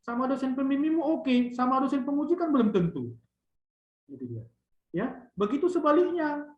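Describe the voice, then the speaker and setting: A man, a lecturer guiding students on their theses, who closes phrases with a drawn-out tag and teases. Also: very high-pitched, big pitch swings. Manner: drawn-out "gitu dia" tags, teasing. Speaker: thesis supervisor lecturer. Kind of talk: online thesis guidance talk. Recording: echoey, dull lo-fi sound.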